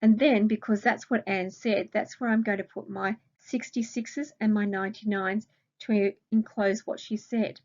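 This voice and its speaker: A woman's voice: medium pitch, fairly even intonation, moderate pace, darkish tone, highs cut off. A woman with an Australian accent, a primary school teacher patiently explaining a recorded grammar lesson to children and asking them questions.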